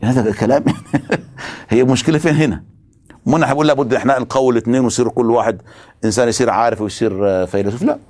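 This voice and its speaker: A man's voice: mid-range voice, racing, darkish tone. A man giving a religious philosophy lecture, emphatic and stopping often to ask his students rhetorical questions.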